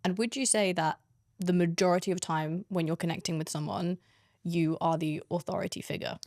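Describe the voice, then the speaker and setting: A woman hosts an interview in a lowish voice and reflects on what her guest has said before each question. The sound is close and dry. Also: fairly even intonation, brisk, a little mellow, no echo. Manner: reflective, summarizing the guest's points. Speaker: podcast host.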